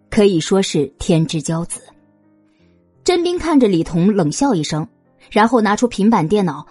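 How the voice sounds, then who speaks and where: A woman with a husky voice narrating a suspense audio drama in an expressive storytelling manner. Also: medium pitch.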